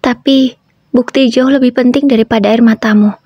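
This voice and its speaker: Bossy young girlfriend, as a lady narrator puts her on, high and firm, husky and dry. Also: steady tone, normal speed, a little mellow, no room sound. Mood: urgent, scolding. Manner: firm, scolding, urging. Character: bossy young woman friend, blunt and protective.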